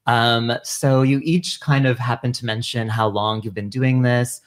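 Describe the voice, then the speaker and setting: Woman podcast host, super low voice, chatty and giggly. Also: fairly even intonation, a little slow. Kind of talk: casual chat.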